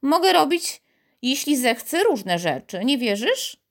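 Brief: woman reading cocky little girl with magic, high-pitched, playful, swooping tone. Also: measured pace, full character voice. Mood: boastful. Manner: lively, bragging, teasing.

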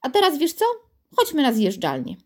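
An eager, bossy little boy full of excitement, as a woman reading a storybook puts him on. The voice sits a little high and swings widely in pitch. He sounds quick and commanding. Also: full character voice. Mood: cheerful. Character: lively cheerful young boy.

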